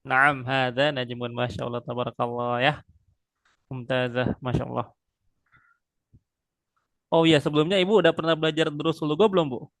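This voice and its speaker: A man's voice: medium pitch, fairly even intonation, fairly bright tone, no room sound. Patient male Arabic tutor. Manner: patient, slow drilling with frequent pious interjections. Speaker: Arabic teacher. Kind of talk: online one-on-one language lesson.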